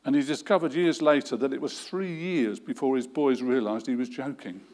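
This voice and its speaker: A man's voice: medium pitch, moderate pace. A man preaching a sermon, telling stories with dramatic, repetitive flourishes. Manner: lively, dramatic storytelling with vivid repetition. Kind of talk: sermon with storytelling.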